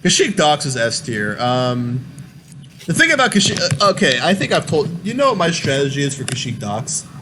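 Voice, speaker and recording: A man's voice: on the high side, big pitch swings, normal speed, a crowd in the background. A young man in casual gaming chat, rambling with many fillers and restarts. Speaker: podcast host.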